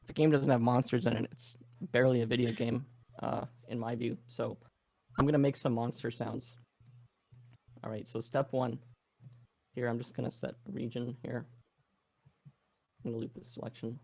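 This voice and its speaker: A Canadian man talks through a live workshop demo in a relaxed, thinking-aloud way, full of fillers. His voice is gravelly and his pitch stays flat. The sound is dry and close, like a video call mic. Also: normal speed, long pauses, no echo. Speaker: game audio presenter.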